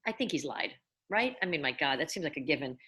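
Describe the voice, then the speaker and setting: Brief: tipsy female host, rambling and slightly slurred, bright and lively, swoops high. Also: fast talker. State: tipsy from wine. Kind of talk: rambling live stream monologue.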